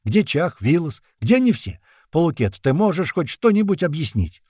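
Give me a man playing an agitated, foul-mouthed soldier in an audiobook thriller. His voice jumps high and sharp, loud and demanding. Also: sing-song, moderate pace, husky, no echo, clean studio sound. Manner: agitated, swearing. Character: hot-tempered male soldier, swearing, shrill.

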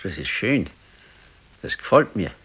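On a rough recording, a low-pitched man delivers very animated, exaggerated lines at a measured pace, his tone a bit bright and slightly rough. He plays a discontented, regretful, ailing husband aged 68 in a naturalistic 1970s radio play, speaking plainly in Bavarian dialect with brooding regret.

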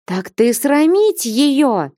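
A woman voicing a bold, impatient young woman who scolds and mocks in a raised, lively voice. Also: a little high, a little slow, dry recording, studio quality, pitched above the performer's own voice. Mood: scolding. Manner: scolding, insistent, mocking.

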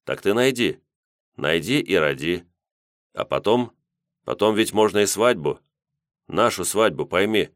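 A man voicing a young military captain who speaks calmly and earnestly. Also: sits low, measured pace, pauses often, no room sound, studio quality.

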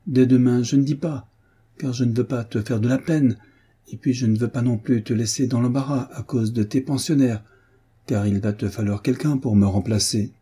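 A gentle old grandmother in a storybook, as a man reads her part, soft-spoken yet resolute. The voice is very dark and husky. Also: mid-range voice, fairly even intonation, moderate pace. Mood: gentle firm.

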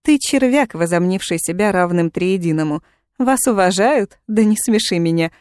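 A woman's voice: lowish voice, animated, moderate pace, a little mellow, clean tone, no room sound, studio quality, lightly acted. A woman voicing a defiant young witch in chains, speaking with cool, mocking sarcasm. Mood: sarcastic.

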